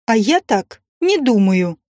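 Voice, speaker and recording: A man's voice: high voice, big pitch swings, slow pace, darkish tone, dry recording, clean studio sound, voice pushed up, exaggerated voice. A man reading an audiobook voices a brazen, scheming young mother with a sly, mocking, venomous manner.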